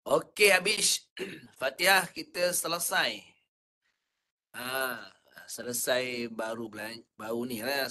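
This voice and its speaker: Patient Malaysian ustaz coaching recitation. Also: male voice, on the high side, pushed and bright. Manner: patient, coaching, demonstrates sounds slowly. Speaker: Quran recitation teacher. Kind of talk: online class teaching.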